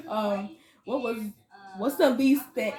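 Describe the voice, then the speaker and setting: A woman's voice: a little high, a little mellow. A young woman asking her mother questions in a playful, giggly, casual chat. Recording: echoey room.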